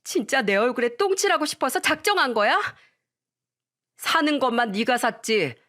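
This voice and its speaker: A woman voicing a selfish, nagging young wife who scolds and shouts at her husband in a storytelling drama. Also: mid-range voice, expressive, measured pace. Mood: screeching.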